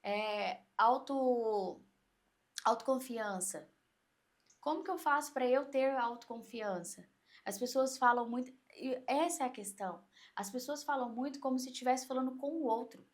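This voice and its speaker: A woman coach with a Brazilian Portuguese accent, explaining in an animated way on an interview podcast and acting out inner voices. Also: sits high, unhurried.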